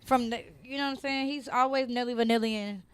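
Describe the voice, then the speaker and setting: A woman's voice: a little high, fairly even intonation, a little fast, clean tone, no room sound. A woman co-hosting a casual chat show, joking and teasing, at times putting on a mock news-reporter delivery. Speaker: co-host.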